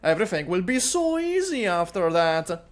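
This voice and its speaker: A woman voicing a scheming female mercenary, in a high, sing-song, taunting way while reading a game story aloud. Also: sing-song, moderate pace.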